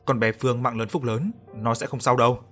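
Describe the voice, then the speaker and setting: Man reading a steady older uncle, calm and firm in a storybook horror tale. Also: medium pitch, fairly quick, soft background music, lightly acted. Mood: reassuring.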